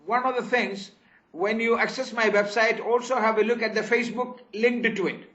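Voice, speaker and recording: Older man, high and bright. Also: steady tone, normal speed. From Kerala, India. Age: 70s. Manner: formal, hesitant with restarts. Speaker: tourism and teacher-training organizer. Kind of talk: video call discussion. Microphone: video call. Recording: muffled video call audio.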